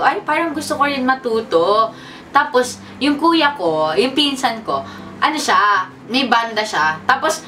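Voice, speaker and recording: A woman's voice: medium pitch, distant mic, noisy background. A young woman from the Philippines in a casual sit-down vlog, chatting and mixing Tagalog and English. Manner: chatty, mixes Tagalog and English, says bestie. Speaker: vlogger.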